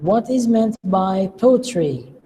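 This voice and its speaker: Mellow, patient lecturer. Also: medium pitch, animated. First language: Arabic. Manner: patient, slow and deliberate, quizzing students. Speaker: English lecturer. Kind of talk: classroom lecture with questions to students. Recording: long reverb, faint room noise.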